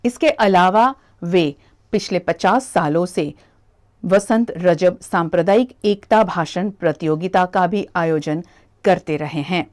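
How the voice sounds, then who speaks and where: A woman reporter reading a scripted news voice-over in a measured, formal way. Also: fairly low pitch, darkish tone.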